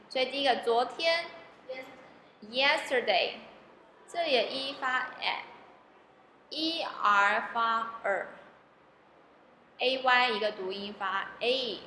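Slow, bright-voiced woman teaching phonics. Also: on the high side, a little hiss or hum. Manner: slow, patient, repeats each word several times. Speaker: English teacher. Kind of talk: phonics lesson, spelling out words. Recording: echoey room with long reverb, faint ambience.

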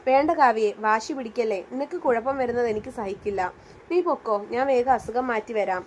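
A woman narrator voicing a young man who is ill with fever, speaking gently and protectively. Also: a little high, fairly quick, a little hiss or hum, lightly acted. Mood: reassuring. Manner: gentle, reassuring.

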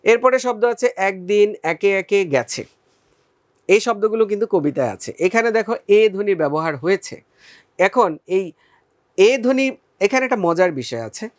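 High-voiced male teacher explaining vowels. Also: animated, no echo, studio quality. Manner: patient, addresses students as friends, asks and answers own questions; demonstrates vowel sounds slowly. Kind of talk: recorded video lesson.

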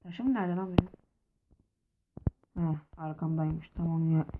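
A woman commenting on her block-building game role-play, excitable, with playful swearing and constant calls to her viewers. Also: low-pitched, a little slow, phone-quality sound, noisy background. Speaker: gaming video creator.

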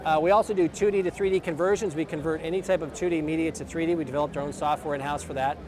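A man's voice: on the high side, steady tone, racing. Man demoing gear at a busy outdoor expo. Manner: casual explanatory, many fillers. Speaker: company president and filmmaker. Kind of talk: trade show equipment demo. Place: outdoor expo booth under an umbrella. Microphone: lapel mic. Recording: outdoor crowd noise. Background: crowd chatter.

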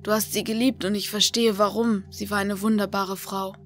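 A terrified, remorseful captive man, as a woman reads him speaks in a choked, breathy plea. The delivery stays flat and level, with little rise and fall. Soft music lingers underneath. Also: medium pitch, normal speed, natural voice. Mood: pleading.

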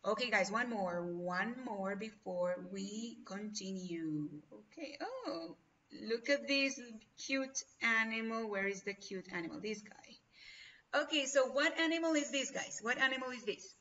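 A woman's voice: fairly high pitch, animated, moderate pace, hardly any pauses, bright, forceful tone. A Spanish-speaking woman teaching an online English class, encouraging and often checking in with "ok?". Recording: dull lo-fi video call audio, distant from mic.

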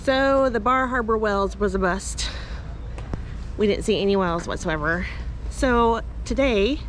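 A woman's voice: mid-range voice, measured pace, background noise. Forties woman, chatty vlogger explaining sights outdoors, camera held close. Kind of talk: casual travel vlog. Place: outdoors at the shore and harbor.

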